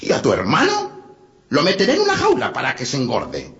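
A man's voice: a little high, wildly swooping pitch, a little fast, pitched above the performer's own voice. A man putting on a cackling wicked witch. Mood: gloating. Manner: cackling, scolding, nearly shrieking at times. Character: cackling wicked old witch, greedy and cruel. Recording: dull lo-fi, loud background noise.

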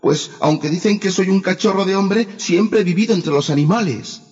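A man voicing a stubborn young jungle boy raised by wolves, in a high, strained boyish voice. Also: moderate pace, darkish tone, natural voice. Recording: echoey, dull, music behind.

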